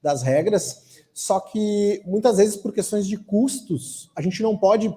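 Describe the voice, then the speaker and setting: A man with a mellow, warm voice answers an audience question at a tech conference. He explains at an easy pace and often ends his phrases with a questioning tag. His voice sits a little high for a man. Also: takes it slowly. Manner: explanatory, relaxed, frequent "né?" tags. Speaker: software architect speaker.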